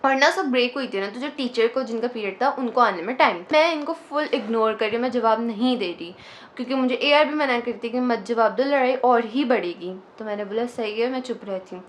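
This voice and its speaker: A young woman casually telling a personal story, animated and dropping English phrases into her speech. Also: a little high, brisk, a little hiss or hum.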